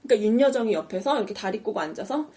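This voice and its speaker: A woman's voice: mid-range voice, expressive, rapid-fire, dark tone. A woman podcast host in a casual chat, animatedly retelling a TV drama and acting out its lines.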